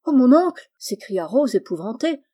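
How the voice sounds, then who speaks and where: A woman's voice: a little high, moderate pace, mellow, close to an everyday voice. A woman voicing a sickly, wistful orphan girl who speaks in a plaintive, pleading way.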